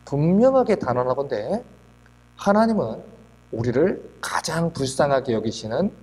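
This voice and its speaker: A man's voice: a little high, normal speed. Man pastor preaching, voice jumps all over, long echo and mains hum. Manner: animated, acts out quoted dialogue. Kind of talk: sermon.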